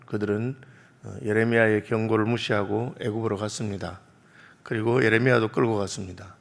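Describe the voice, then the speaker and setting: A male pastor with a low, gravelly voice delivers an early-morning sermon, chatting through his points with rhetorical questions and the odd hesitant filler. His words ring out in a church sanctuary, trailing off into a long hall reverb. The delivery stays plain and talky rather than grand. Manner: conversational preaching with rhetorical questions and filler sounds.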